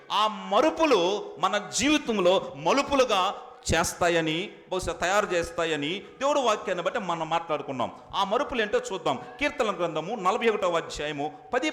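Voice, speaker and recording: A high-pitched man delivers a Sunday sermon as pastor. He preaches emphatically, repeating phrases and swinging from loud to soft, and asks his congregation direct questions. The sound rings with the long reverb of a church hall. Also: expressive, normal speed. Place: church worship service.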